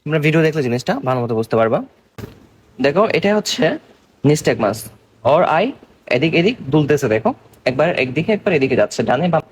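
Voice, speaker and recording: A man's voice: a little high, big pitch swings, slightly rough. A young man from Bangladesh giving an exam-focused medical lecture, explaining step by step and often checking that students follow. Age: young adult. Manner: explains slowly in mixed Bengali and English terms, checking understanding.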